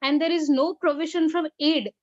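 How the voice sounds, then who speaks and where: A young woman in her twenties, a student giving an earnest, halting online talk over a video call with a bad connection that keeps cutting out. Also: high voice, steady tone, a little mellow. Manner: earnest, halting with many fillers. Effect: choppy audio from a bad connection that keeps cutting out. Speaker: student speaker. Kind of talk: online presentation. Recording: dull lo-fi online call audio.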